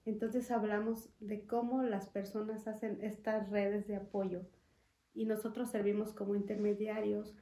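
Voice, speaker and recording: Interviewed conversationally in a glass-and-wood-panel studio with noticeable echo, a young woman from Chiapas, Mexico, speaks for a foundation into a desk mic on a stand. Her mid-range voice is dark with flat delivery, and she comes across earnest and measured, leaning on frequent fillers.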